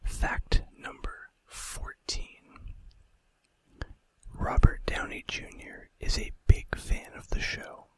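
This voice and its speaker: Slow and breathy, a man narrates trivia for an ASMR video entirely in an unvoiced whisper, keeping things chatty with casual asides. The low-quality recording has no room sound.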